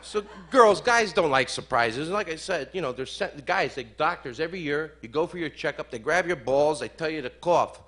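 A man's voice: a little high, lively intonation, moderate pace, hardly any pauses, fairly bright tone. A man doing a stand-up set in a comedy club, brash and profane, teasing the crowd. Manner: brash, profane, teases the audience. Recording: live club recording with room noise.

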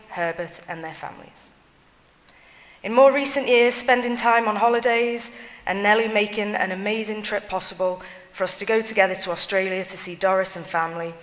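A woman reading written family tributes aloud at a funeral service, in a measured, solemn way. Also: mid-range voice, fairly bright tone. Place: church. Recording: long church reverb.

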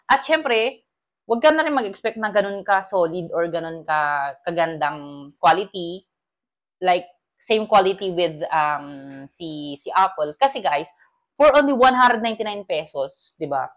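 A man's voice: high-pitched, a bit bright. A young man from the Philippines in his twenties chatting casually through a product unboxing review, calling viewers "guys" and mixing Tagalog with English, recorded on a lapel mic in a small home kitchen. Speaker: vlogger.

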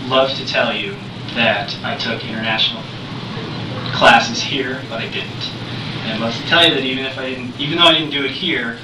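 A man's voice: mid-range voice, moderate pace. A man on a panel giving conversational career advice to students, repeating words now and then. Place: large conference room at a panel table. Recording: echoey room, distant mic, noisy.

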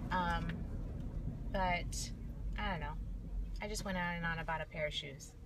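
Her voice on the low side and her pace measured, a nurse in her late thirties talks loosely and vents to viewers from a parked car by day. A phone camera at arm's length captures her along with the vehicle's noise.

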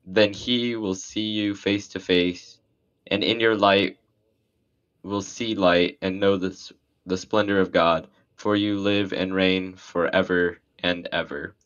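A man leading a graveside burial prayer, reciting liturgy in a solemn, measured way. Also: sits low, flat delivery, fairly bright tone, highs cut off. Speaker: priest.

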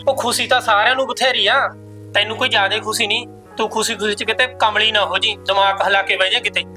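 Actor playing a brisk, reassuring family elder. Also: medium pitch, fairly even intonation, pushed and bright, soft background music, lightly acted. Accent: Indian Punjabi. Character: family elder calming the quarrel. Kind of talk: village family short film acting.

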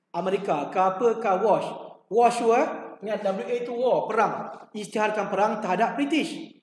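An older man with a Malaysian Malay accent teaching a history class, chatty and repetitive, quizzing his students with memory tricks. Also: very high voice. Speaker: history tutor. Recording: echoey classroom, long reverb.

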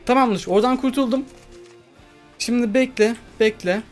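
Excitable woman commenting her gameplay. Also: a little high, normal speed. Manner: excitable, talks to herself while playing. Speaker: gamer. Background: faint game music.

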